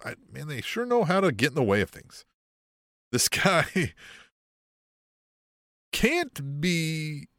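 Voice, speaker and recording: A man's voice: fairly low pitch, fairly bright tone, no echo, clean studio sound. A man hosting a podcast in casual, profane, rambling chat with a sardonic edge. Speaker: podcast host.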